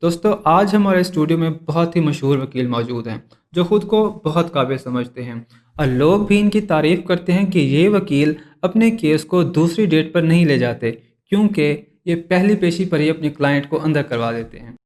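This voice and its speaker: A man's voice: fairly high pitch, animated, normal speed, a little mellow. A man hosting a comedy sketch, scolding his guest with exasperation. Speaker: podcast host.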